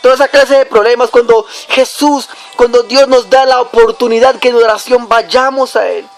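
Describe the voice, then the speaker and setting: A man's voice: extremely high pitch, fairly even intonation, normal speed, faint music behind. A young adult man preaching a devotional teaching on prayer, addressing the listener directly point by point.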